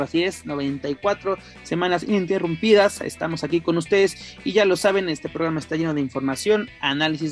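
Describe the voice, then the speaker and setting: High-pitched Mexican man, lucha libre announcer style. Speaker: podcast host.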